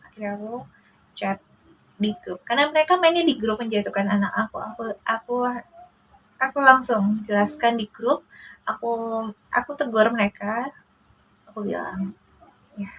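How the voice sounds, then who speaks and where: A woman in her forties, a mother speaking in a casual to-camera monologue, emotional and halting, often addressing her listeners directly, indignant and protective. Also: on the high side, a bit bright, dull audio, a little hiss or hum. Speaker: mother sharing a personal story.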